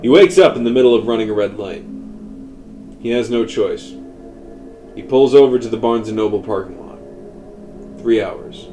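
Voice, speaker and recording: A man narrating a scripted horror story in a measured way, often dropping to a hushed tone. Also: fairly low pitch, faint music behind, rough recording.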